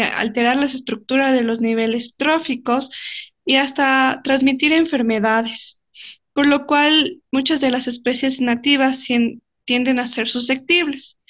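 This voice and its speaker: A woman's voice: high voice, fairly bright tone. A woman from Ecuador, a biology student, presenting a class project earnestly, with a few small restarts. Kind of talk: academic presentation. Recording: dull lo-fi audio.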